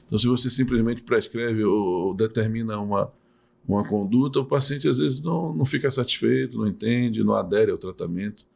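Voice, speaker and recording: A middle-aged urologist and professor from Salvador, Bahia, Brazil, patiently explains things in an interview, often restarting his phrases. His voice is medium-pitched and brisk, a little mellow, with vocal fry.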